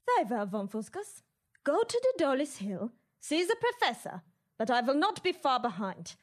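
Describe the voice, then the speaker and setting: A woman's voice: sits high, very animated, moderate pace. A woman playing a gloating German villainess. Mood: menacing. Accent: put-on German. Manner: menacing, gloating, cackling. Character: scheming female Nazi villain, vain, theatrical. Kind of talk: comedy audio drama.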